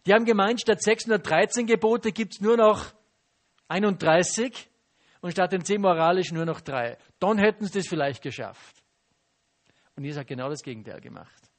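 A man preaching a teaching sermon. He talks in a lively, questioning way, turning to the listeners and acting out the people he quotes. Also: high voice, normal speed. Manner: lively, asks the audience questions and acts out quotes.

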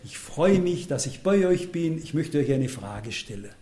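A man preaching a sermon, blunt and self-mocking, swinging between loud emphatic lines and quiet asides. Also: fairly high pitch, sing-song, moderate pace, echoey room.

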